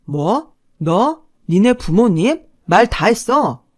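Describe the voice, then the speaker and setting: A defensive ex-husband who keeps making excuses in a fairly low voice. A woman puts him on for a narrated audio story, self-justifying and wheedling. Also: animated, moderate pace, a little mellow. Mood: affronted. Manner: indignant then wheedling. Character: defensive, pleading adult ex-husband.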